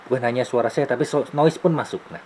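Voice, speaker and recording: A man's voice: medium pitch, quick pace, darkish tone, slight background noise, poor audio. A man in his late forties explaining his camera gear in a casual vlog, chatty and demonstrative, talking close to a camera-mounted mic indoors. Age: 40s. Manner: chatty, demonstrative, thinks aloud with fillers. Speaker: YouTuber reviewing camera gear. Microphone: camera-mounted microphone close to speaker.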